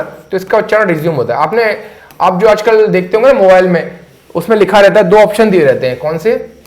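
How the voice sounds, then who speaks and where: A fairly high-voiced man gives a casual English lesson. He chats and jokes with his class and says each word over and over so it sticks. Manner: chatty, jokey, repeats key words to drill them. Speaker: English teacher.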